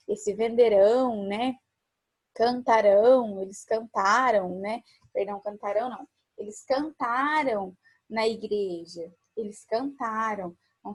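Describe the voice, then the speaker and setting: Husky Brazilian teacher, patient and repetitive. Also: female voice, fairly high pitch, a little mellow. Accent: Brazilian Portuguese. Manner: patient, repeats examples, asks rhetorical questions. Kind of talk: recorded class lesson.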